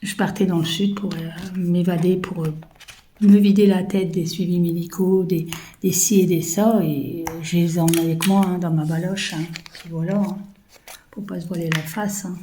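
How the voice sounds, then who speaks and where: A woman's voice: lowish voice, steady tone, normal speed, warm tone, slight background noise, rough recording. A woman in her fifties chatting casually to viewers while she works on a craft project, rambling with many fillers and muttering to herself. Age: 50s. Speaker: craft vlogger.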